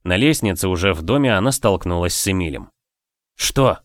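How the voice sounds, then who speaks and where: A man narrating a fantasy audiobook with steady, expressive storytelling. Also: sits low, fast talker, no room sound, clean studio sound. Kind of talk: scripted narration.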